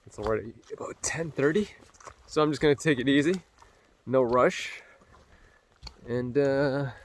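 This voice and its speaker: A tired, sore man talking casually to his camera on a forest hiking trail, rambling with fillers and swearing. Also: medium pitch. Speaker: vlogger on a solo hike. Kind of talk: casual hiking vlog narration.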